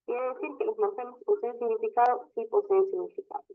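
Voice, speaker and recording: A teacher walks through a lesson step by step, tagging sentences with little questions to check the class is following. The voice sits at an ordinary middle pitch. It comes through narrow and tinny, like a phone line. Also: fairly even intonation, quick pace. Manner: explains step by step, constantly adds a questioning tag. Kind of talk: online class lecture.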